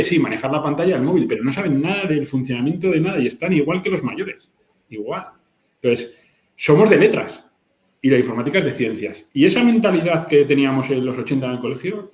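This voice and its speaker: Guy lawyer, blunt and emphatic, roomy echo on him. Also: mid-range voice. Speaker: lawyer and book co-author. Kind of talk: panel discussion talk.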